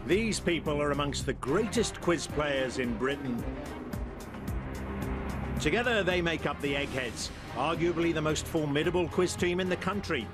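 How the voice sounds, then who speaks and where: A man's voice: fairly high pitch, lively intonation, normal speed, music in the background. A man hosting a television quiz show, reading questions and joking with contestants between laughs. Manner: jokey, laughs between lines. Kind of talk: scripted presenting and friendly banter.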